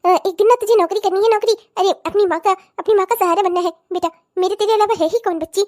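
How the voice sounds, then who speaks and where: A woman voicing a harsh, scolding cartoon stepmother who nags and curses in a shrill, rapid voice. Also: a little mellow. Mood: doting. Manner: shrill, nagging, cursing. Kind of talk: cartoon voice acting.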